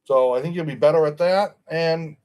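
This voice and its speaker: A middle-aged man hosts a stream and chats casually about football, rambling, opinionated and often correcting himself. His voice sits on the high side with a darkish tone at a normal speed.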